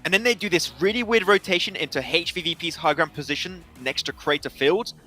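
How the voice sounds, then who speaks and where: Male analyst, rapid and bright, lively desk banter over music. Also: fairly high pitch. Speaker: esports analyst.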